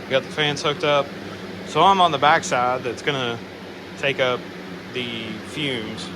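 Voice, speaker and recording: A man giving a casual hands-on vlog narration inside a barn workshop, plain-spoken and thinking out loud. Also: medium pitch, noisy background. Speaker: host of a DIY garage channel.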